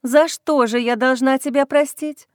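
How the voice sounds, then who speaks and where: A woman's voice: high voice, steady tone, measured pace, no echo, clean studio sound. A woman voicing an earnest, wry young heroine in an audiobook. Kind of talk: audiobook reading.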